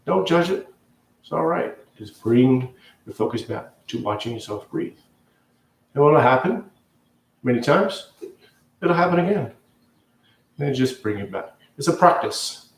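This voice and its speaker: A man teaching meditation in a loose, unscripted way, guiding slow breath counting in short, repeated phrases. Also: medium pitch, expressive. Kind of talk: guided meditation instruction, loosely ad-libbed. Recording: echoey room, distant from mic.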